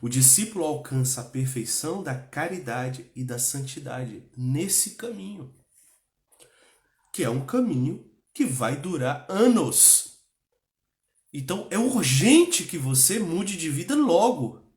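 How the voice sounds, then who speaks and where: A man's voice: fairly high pitch, very animated, slow, darkish tone, echoey room. Impassioned Brazilian man teaching religion. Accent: Brazilian Portuguese. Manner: impassioned, repetitive, frequent "né?" tags. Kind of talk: religious class talk.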